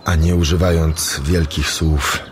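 An actor playing a calm, wise male elf who speaks in a measured way. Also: a bass voice, slight background noise.

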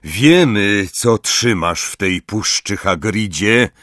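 A proud centaur leader speaks slowly and solemnly , as a male narrator plays him. His measured, stern words rise and fall widely. The recording is dry and close. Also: lowish voice, lively intonation, a bit bright, no echo, pitched above the performer's own voice.

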